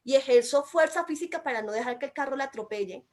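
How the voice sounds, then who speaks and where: A Colombian woman with a Colombian accent speaks in a high voice, explaining a legal text with emphatic, insistent delivery. She sounds naturally loud, as if she is almost shouting, and keeps pressing her points home. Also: lively intonation, fast talker. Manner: emphatic, calls herself loud and shrill by nature. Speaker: mother and commentator. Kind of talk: explanatory commentary.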